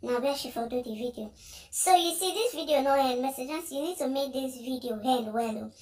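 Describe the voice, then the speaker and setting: A high-pitched woman with a Nigerian accent chats through social media clips and reads out viewer comments. She talks casually and laughs often as she goes. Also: a little fast, a little mellow.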